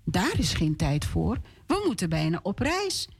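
A woman voicing a kind father in a children's story, gentle and reassuring. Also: lowish voice, wildly swooping pitch, unhurried, breathy edge, full character voice. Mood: urgent.

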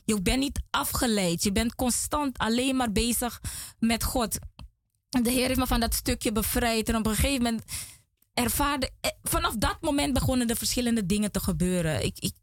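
Woman sharing her faith testimony in a small studio, kinda high voice, dry close sound. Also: normal speed, dry recording. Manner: emotional, earnest, repeats words. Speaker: guest giving testimony. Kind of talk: religious testimony.

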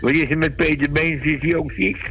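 A man's voice: fairly high pitch, fairly even intonation, brisk, fairly bright tone. A man calling in to a radio show over a phone line, talking in a friendly, hesitant way with many fillers and restarts. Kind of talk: casual chat on air.

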